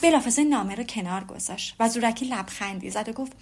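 A woman narrating a novel aloud, with steady, even storytelling. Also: on the high side. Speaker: audiobook narrator.

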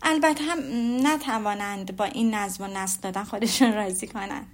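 A woman reading the lines of a witty, teasing young lady in a storybook, with an ironic, lively manner. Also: mid-range voice, natural voice.

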